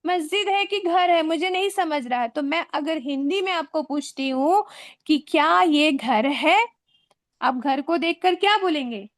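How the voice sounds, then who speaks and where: High-voiced woman teaching a class. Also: animated, unhurried, no room sound, clean studio sound. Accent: Indian Hindi-Urdu. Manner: patient, repeats questions to students. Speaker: Arabic teacher. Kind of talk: classroom lesson. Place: classroom with students.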